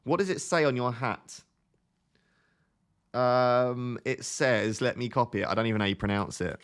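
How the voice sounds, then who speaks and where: With a clear, resonant voice at medium pitch and normal speed, a man in his twenties runs a live stream. He answers viewer questions casually, thinking out loud in a chatty manner and often beginning phrases again.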